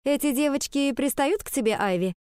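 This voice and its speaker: A woman's voice: high-pitched, lively intonation, brisk, a little mellow, dry recording, pitched above the performer's own voice. Kind protective older schoolgirl, read by a woman.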